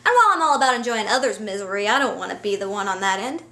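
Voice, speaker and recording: A woman's voice: medium pitch, lively intonation, rapid-fire, bright, forceful tone. A woman vlogger talking casually to camera in a personal, unscripted way.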